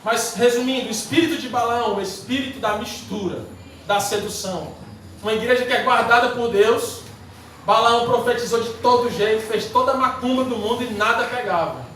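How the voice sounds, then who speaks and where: A pastor preaching a sermon in an emphatic, repetitive rhetorical style, in a church sanctuary. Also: male voice, very high-pitched, brisk, fairly bright tone. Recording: very echoey church hall from far off, faint noise.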